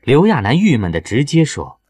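A man reading an audiobook novel as its narrator, in a lively storytelling way. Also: mid-range voice, normal speed, slightly rough, no echo. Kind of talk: scripted narration.

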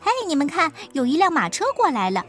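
Woman doing a shrill excited little hen girl. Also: fast talker, faint music behind.

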